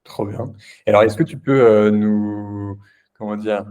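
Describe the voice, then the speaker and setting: A man hosting a casual interview, asking questions in a halting way with many restarts. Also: fairly low pitch, steady tone, darkish tone, clean tone. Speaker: interviewer, host.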